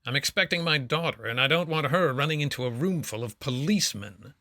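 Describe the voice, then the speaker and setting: A crusty, suspicious older man played by a male actor in a radio mystery. His delivery is sharp and gruff, with big jumps in pitch and blustering irritation, recorded dry and close. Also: expressive, a little fast, no echo. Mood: irritated, scornful. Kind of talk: radio mystery drama acting.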